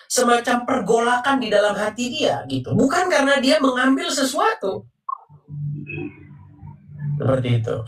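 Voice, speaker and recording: A woman explains at length with calm assurance, her pitch moving lively and a little high. Her voice is caught from a distance, in an echoing room. She often closes a thought with a dropped, low "begitu". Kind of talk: religious debate talk. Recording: echoey, distant from mic.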